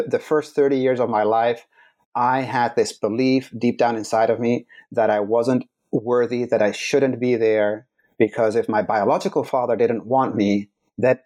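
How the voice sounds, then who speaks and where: A man in his forties from the Netherlands, a podcast guest telling his own life story in an earnest, measured way with many pauses and restarts. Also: mid-range voice, a little mellow. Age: 40s. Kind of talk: reflective personal storytelling.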